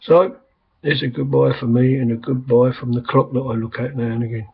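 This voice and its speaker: An older man, hoarse and coughing, rambling chattily with lots of fillers in a casual video message from a quiet room at home. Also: mid-range voice, fairly even intonation, a little fast. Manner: rambling, chatty, frequent "I mean" and "um". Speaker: vlogger. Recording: dull lo-fi home recording.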